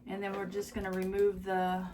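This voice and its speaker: An upbeat woman talks through a craft project in a relaxed, chatty way, her voice slightly hoarse. She sits a bit back from the mic, with a faint hiss of noise behind her. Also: medium pitch, brisk, distant mic. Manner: chatty and upbeat, gushing over how cute things are. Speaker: craft tutorial host. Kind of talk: casual craft demonstration.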